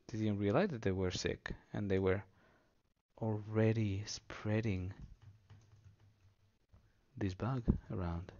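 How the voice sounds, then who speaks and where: Slow, halting man with gravelly low voice. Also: darkish tone, lo-fi sound, slight background noise. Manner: halting, short phrases with pauses. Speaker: presenter of an explainer for children. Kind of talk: simple explanation for children, unscripted. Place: indoors at a table.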